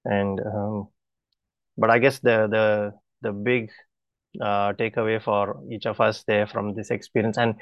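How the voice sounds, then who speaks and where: Male preacher, mid-low gravelly voice; earnest, halting testimony; dull lo-fi sound. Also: flat delivery, dry recording. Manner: earnest, halting storytelling with restarts. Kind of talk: personal testimony in a sermon.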